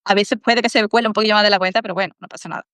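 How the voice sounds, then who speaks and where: Andalusian woman guest, smooth clear voice, dry close sound, earnest and reflective. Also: mid-range voice, steady tone, rapid-fire, no echo. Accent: Andalusian Spanish. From Málaga, Spain. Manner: earnest, reflective, acts out inner dialogue in soft voices. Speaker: podcast guest. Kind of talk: casual interview chat.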